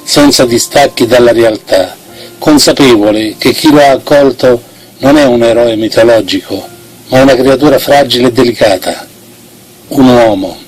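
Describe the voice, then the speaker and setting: A man gives a theatrical poetry reading at a medium pitch. His delivery is solemn and expressive, swelling through the phrases, with music playing behind him. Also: low-quality recording. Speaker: poetry reciter.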